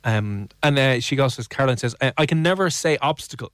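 An Irish man hosts a radio show in a relaxed, teasing way. His voice sits at a mid pitch, and the sound is dry and close to a studio mic. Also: a little fast, clean tone, dry recording. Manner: playful, teasing, animated. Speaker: radio host. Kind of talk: casual radio chat. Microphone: studio microphone.

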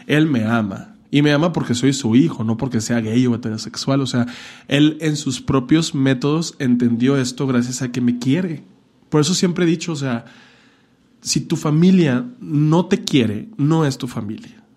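A man's voice: medium pitch, normal speed, a little mellow. A man with a Mexican accent talking casually and earnestly, giving blunt advice with campy, profane asides. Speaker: podcast guest telling his coming-out story. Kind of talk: casual chat.

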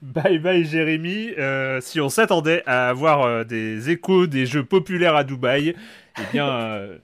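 A man's voice: on the high side, lively intonation, a little slow, fairly bright tone. A man hosting a casual chat about video games, speaking hesitantly with many fillers. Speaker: podcast host.

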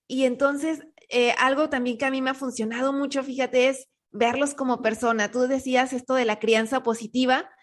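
Chatty woman host, high voice. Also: steady tone, moderate pace, few pauses. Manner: chatty, frequent "¿no?" tags and restarts. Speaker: podcast host. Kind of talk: casual conversation.

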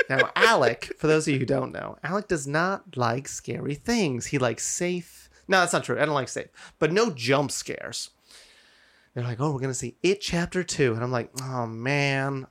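A man co-hosting a podcast, chatting casually, who laughs often and gets excitable, even breaking into yelling. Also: medium pitch, creaky. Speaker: podcast co-host. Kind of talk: casual chat.

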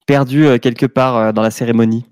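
A man's voice: medium pitch, steady tone, brisk, darkish tone, a little hiss or hum. A man hosting an awards show in a casual live presenting style.

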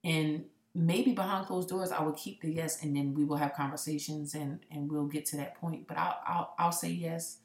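A woman's voice: deep voice, steady tone, normal speed, few pauses, a little mellow, reverberant. A woman in her late twenties co-hosting a podcast, talking candidly and reflectively, with a joking streak. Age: late 20s. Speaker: podcast co-host. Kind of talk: casual chat.

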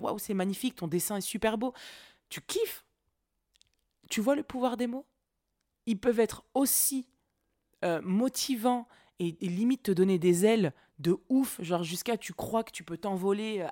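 A woman hosting a podcast, telling stories in casual slangy French and acting out the quotes. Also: mid-range voice. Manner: slangy, animated storytelling with acted-out quotes. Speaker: podcast host. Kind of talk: casual monologue.

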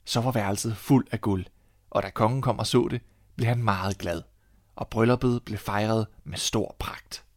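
A Danish man reading a fairy tale aloud in a calm, measured storytelling manner. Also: fairly low pitch, no room sound, studio quality.

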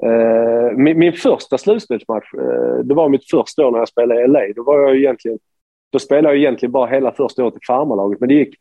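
A man from Sweden, a former hockey player, telling an animated anecdote with many restarts. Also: medium pitch, vocal fry, no room sound, lo-fi sound. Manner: animated storyteller, many restarts, quotes others.

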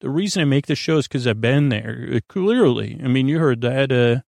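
This podcast host's bedtime monologue, designed to help people fall asleep, wanders and stalls, often trailing off or doubling back over half-finished thoughts. His gravelly, creaky voice is medium-pitched and animated yet gently reassuring, recorded close and dry with no echo.

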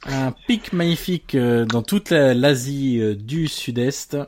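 A man's voice: mid-range voice, a little slow, darkish tone, slight background noise. Guy co-hosting a football podcast, lots of euhs, teasing his buddy. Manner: hesitant, many fillers, teasing. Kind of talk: casual chat about Italian football.

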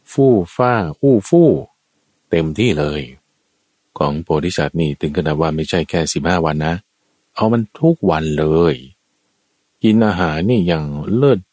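A man preaching a Buddhist sermon as a lively story, addressing his listeners and acting out the characters. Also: normal speed, no room sound. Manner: lively storyteller, acts out quoted characters with sudden high shouts. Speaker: dharma preacher.

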